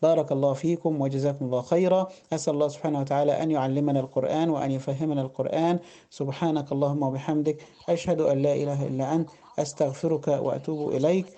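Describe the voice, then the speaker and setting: A man's voice: fairly high pitch, fairly even intonation, warm tone. A man with an Egyptian Arabic accent teaching Quran recitation rules, explaining patiently and asking rhetorical questions. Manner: explains patiently, asks rhetorical questions, draws out words slowly. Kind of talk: tajweed lesson with slow recitation.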